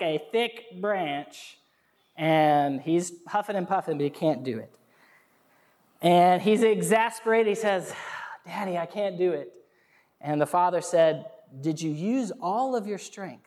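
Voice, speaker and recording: A woman preaching a sermon, earnest, telling stories and calling on the congregation to answer. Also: on the low side. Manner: earnest, warm storytelling with congregation call-and-response. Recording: long reverb of a hall.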